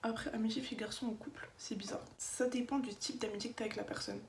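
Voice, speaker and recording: A woman's voice: a little high, fairly even intonation, quick pace. A young woman with a slight lisp and slushy s sounds, chatting casually and slangily as she gives opinions in a makeup vlog. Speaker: beauty vlogger. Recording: echoey room with faint background noise.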